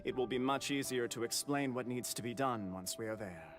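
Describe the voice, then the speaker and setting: A man's voice: mid-range voice, brisk, over music, voice pushed up, close to an everyday voice. A man voicing a proud, formal male clan elder who speaks grandly for a game. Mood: grandiose.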